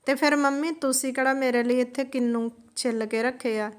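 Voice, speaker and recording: A woman's voice: sits high, fairly even intonation, brisk, clean tone, close to an everyday voice. A woman voicing an innocent young boy who speaks earnestly and pleads. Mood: pleading.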